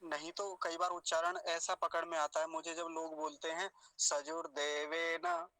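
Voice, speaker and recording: Man, teacher, pronunciation lesson, very bright tense voice, fairly high, dry sound. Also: flat delivery, no echo, low-quality recording. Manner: drills words slowly, syllable by syllable; quizzes students with questions.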